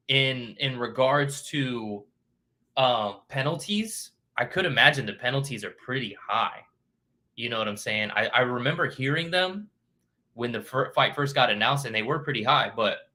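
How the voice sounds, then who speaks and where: A man with a mid-range, sharp-toned voice hosts a casual boxing vlog, reading news headlines aloud and chatting with plenty of fillers.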